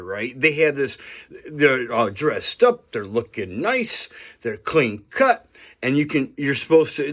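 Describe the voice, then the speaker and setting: His voice a little high and a bit bright, a fifty-something vlogger speaks to camera in an earnest, meandering monologue. He frequently tosses in "right?" and "you know," and chuckles from time to time.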